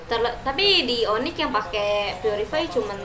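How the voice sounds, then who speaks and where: A young woman giving casual, chatty live game commentary and excitedly repeating phrases. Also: fairly high pitch, normal speed. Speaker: esports match co-commentator, host. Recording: roomy echo, crowd noise behind.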